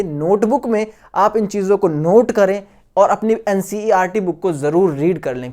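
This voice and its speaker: A male science teacher with a darkish voice on the high side gives a video lecture to school students. He blends English technical terms into his sentences, repeats key words, calls the students "guys," and answers his own questions.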